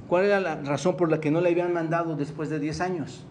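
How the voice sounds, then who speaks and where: A man's voice: fairly high pitch, fairly even intonation, fast talker, background noise. A Mexican man preaching a sermon, often asking the congregation questions and repeating key words for emphasis. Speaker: pastor.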